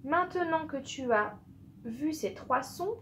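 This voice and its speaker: A woman's voice: high voice, animated, takes it slowly, fairly bright tone, a little hiss or hum. A woman teaching young children a phonics lesson, spelling out letters and repeating sounds patiently. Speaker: primary school teacher.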